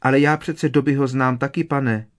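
A man doing a squeaky, timid female house-elf. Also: steady tone, natural voice. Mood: awed. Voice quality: squeaky, trembling. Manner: fearful, deferential, keeps saying sir.

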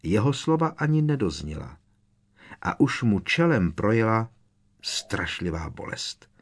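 A man narrating an audiobook with a lively, expressive reading. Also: lowish voice.

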